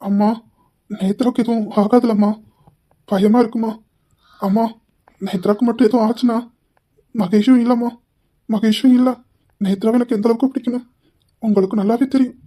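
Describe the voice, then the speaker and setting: A woman's voice: on the high side, fairly even intonation, normal speed, long pauses, warm tone, lightly acted. A woman voicing a young husband who pleads through tears in an audio drama. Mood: tearful pleading. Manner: sobbing, pleading. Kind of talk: amateur audio drama acting.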